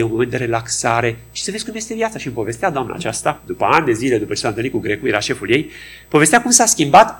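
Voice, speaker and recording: A man preaching a sermon in a fairly high, very lively voice. He swings his pitch widely and acts out quoted dialogue in changing voices.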